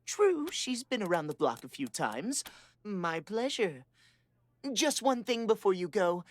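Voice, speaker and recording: A smooth-talking brothel hostess for a video game. She delivers flowery, theatrical patter at a slow, measured pace, recorded very dry. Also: mid-range voice, sing-song, no room sound. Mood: effusive. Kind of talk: video game character acting.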